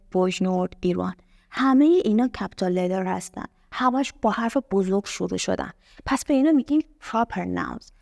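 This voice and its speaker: A young adult woman teaching an English lesson, patiently asking the class questions and repeating words slowly to show their syllables. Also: medium pitch, creaky, darkish tone, no room sound, studio quality. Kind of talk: explaining a language lesson.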